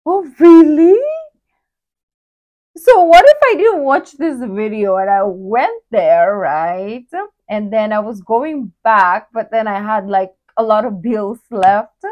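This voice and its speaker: A woman's voice: mid-range voice, lively intonation, slow, a little mellow, dull audio. Chatty young woman reacting at home. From Philippines. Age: young adult. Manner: chatty, curious, interjects often with questions. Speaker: reaction video host. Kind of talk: casual reaction commentary. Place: bedroom at home, indoors.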